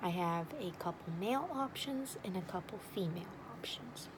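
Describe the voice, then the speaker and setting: A woman's voice: medium pitch, animated, measured pace, lightly acted. Lady doing a nosy wisecracking matchmaker, ASMR role-play, thick hammy regional accent, teasing, noisy ambience behind her. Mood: persuasive. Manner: blunt, familiar, teasing. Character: blunt, nosy, wisecracking female matchmaker with sales patter.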